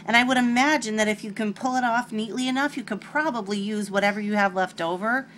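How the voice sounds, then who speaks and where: A woman's voice: fairly high pitch, fast talker, fairly bright tone, slight background noise. Chatty woman hosting a nail tutorial. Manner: chatty, rambling asides. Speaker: nail art tutorial host. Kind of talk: casual step-by-step tutorial.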